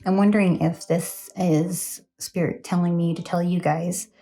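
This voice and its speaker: A tired woman talks through a tarot reading in a loose, rambling way, full of ums and self-corrections. Her voice sits a little low and sounds mellow and soft. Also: fairly even intonation, a little slow. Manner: chatty, rambling, many fillers and self-corrections. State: tired, late at night. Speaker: tarot reader. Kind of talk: casual spoken tarot reading.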